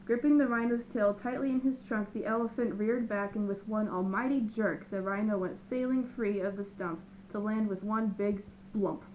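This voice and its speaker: A woman's voice: medium pitch, normal speed, hardly any pauses, phone-quality sound, slight background noise. Woman reading a children's storybook aloud. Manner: lively expressive narration.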